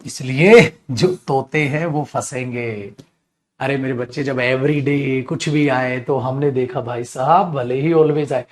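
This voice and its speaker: A man teaching an English grammar class in Hindi, calling students "beta" and acting out angry scolding examples. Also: medium pitch. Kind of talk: live online grammar class.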